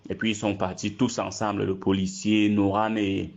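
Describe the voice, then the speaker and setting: A man's voice: lowish voice, level tone, normal speed, creaky. A man with a Cameroonian accent giving an informal eyewitness account, repeating himself for emphasis as he goes. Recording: muffled lo-fi recording.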